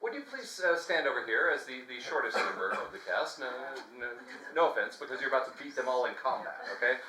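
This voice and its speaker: A lively, playful man hosts an improv show from a theater stage, his voice bouncing around a roomy hall. Steady noise sits under him, and now and then he breaks into a shout. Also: medium pitch, fast. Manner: playful, bursts into loud shouts. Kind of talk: live comedy hosting.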